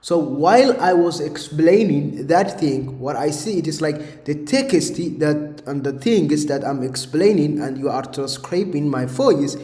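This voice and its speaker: A man's voice: fairly high pitch, lively intonation, a little slow, hardly any pauses, dark tone. A man streaming a live coding session, talking his instructions to an AI assistant in a rambling way, with many fillers. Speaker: streamer building AI automations. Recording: echoey room with long reverb.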